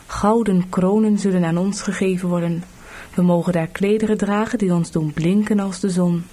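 A woman's voice: on the low side, steady tone, normal speed, mellow, lightly acted. A woman voicing a weary, burdened male pilgrim in a storybook audiobook, earnest and plain.

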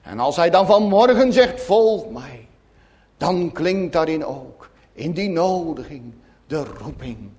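Slow, solemn higher-voiced male preacher. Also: animated, a little mellow. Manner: solemn, earnest preaching with long pauses. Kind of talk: sermon.

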